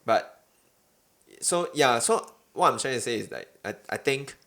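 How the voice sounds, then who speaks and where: A man's voice: mid-range voice, lively intonation, measured pace, vocal fry, bright, forceful tone. A young adult man with a Singaporean accent in a casual podcast chat, using colloquial Singlish phrasing. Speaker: podcast host.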